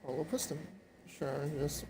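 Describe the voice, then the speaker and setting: A young man chatting casually to his viewers while playing a game, rambling and repeating himself, his voice a little hoarse. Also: on the high side, fairly even intonation, normal speed, mellow, slight background noise. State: slightly hoarse. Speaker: game streamer. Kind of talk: casual live-stream chat while gaming.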